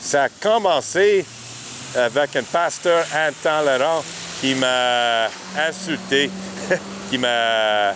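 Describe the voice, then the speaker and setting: A man's voice: medium pitch, slow, fairly bright tone. A man in casual street conversation, speaking hesitantly and agreeably, with many small acknowledgements. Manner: hesitant, agreeable, frequent backchannels. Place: outdoors in a city. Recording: faint outdoor urban traffic noise.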